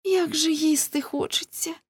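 A woman voicing a frightened, starving young woman prisoner with high, plaintive cries in a storybook reading. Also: fairly even intonation, unhurried, no room sound.

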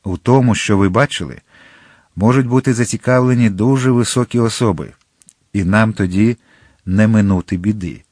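A man's voice: lowish voice, normal speed, darkish tone, no echo, studio quality, lightly acted. A man voicing a young hot-headed guardsman in an audiobook, speaking urgently and emphatically. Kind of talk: audiobook character reading.

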